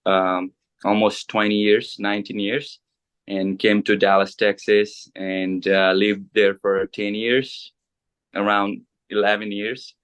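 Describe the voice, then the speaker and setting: A man in his thirties from Bhutan whose first language is Nepali. He answers interview questions slowly and haltingly, with frequent fillers and restarts. His voice is low, smooth and resonant, with a fairly flat delivery. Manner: hesitant, many fillers and restarts, halting English. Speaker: pastor, interview guest. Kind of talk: casual interview.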